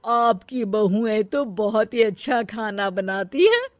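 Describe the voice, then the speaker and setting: A gushing, generous older aunt from a cartoon family tale, put on by a woman. She speaks effusively at a slow pace, recorded dry and close. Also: mid-range voice, lively intonation, no echo. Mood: admiring.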